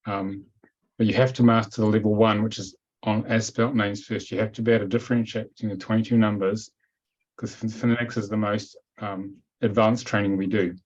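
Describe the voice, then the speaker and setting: Running a live webinar Q&A over video, a male host and teacher gives matter-of-fact, direct answers and repeats key points firmly. His voice sits on the low side, slightly mellow and level, at a somewhat fast pace, heard through dull, lo-fi call audio.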